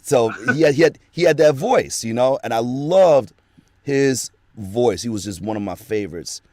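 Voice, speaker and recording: A middle-aged voice actor chats casually as an interview guest, rambling through nostalgic stories and restarting often. His medium-pitched voice is dark in tone, with lively intonation at a normal speed, and the recording has no echo.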